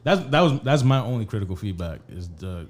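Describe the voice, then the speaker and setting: A man co-hosting a casual podcast chat, loud, slangy and profane, close to the mic. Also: fairly low pitch, lively intonation, brisk. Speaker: podcast co-host.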